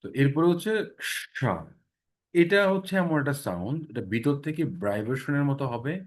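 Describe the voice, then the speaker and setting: A man's voice: medium pitch, animated, brisk, a little mellow. Man, pronunciation teacher, online class, repeats sounds, checks in often. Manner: explains patiently, repeating sounds many times and checking in with "ঠিক আছে?".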